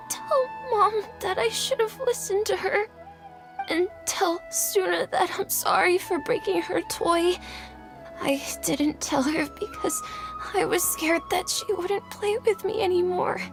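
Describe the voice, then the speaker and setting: A sickly, fretful little child in a video game. The voice is very high and slow, with a creaky edge. It sounds plaintive, naive and hesitant. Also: female voice, exaggerated voice. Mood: weak, fearful. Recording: game audio with background music.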